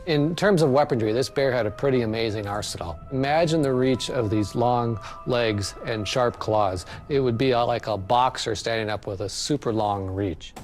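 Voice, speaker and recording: A man's voice: mid-range voice, normal speed, few pauses, faint music behind. A man speaking as a scientist in a documentary interview, explaining things informally.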